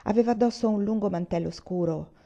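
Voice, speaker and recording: A woman reads a literary short story aloud, measured and expressive, now and then restarting a word. Her voice is mellow and rounded, at a middle pitch. The recording is dull and lo-fi. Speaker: literary reader. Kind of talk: audiobook-style story reading.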